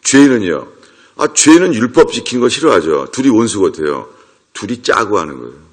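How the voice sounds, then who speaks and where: A man's voice: on the low side, sing-song, normal speed, breathy edge. A middle-aged man preaching a sermon as a pastor, emphatic, acting out quoted voices.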